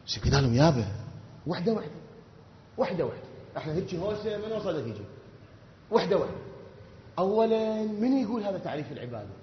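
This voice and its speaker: Fast-talking Iraqi preacher in an echoey hall. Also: male voice, high-pitched, dull audio, a little hiss or hum. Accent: Iraqi Arabic. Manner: animated, rhetorical questions, swings between loud outbursts and quiet asides. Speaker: religious preacher. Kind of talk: sermon.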